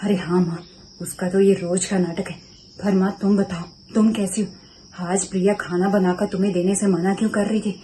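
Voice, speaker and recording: A woman playing a gentle grown son caught between his mother and his wife, who speaks softly, patiently explains and pleads for forgiveness. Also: mid-range voice, little pitch movement, moderate pace, slight background noise, lightly acted. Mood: concerned.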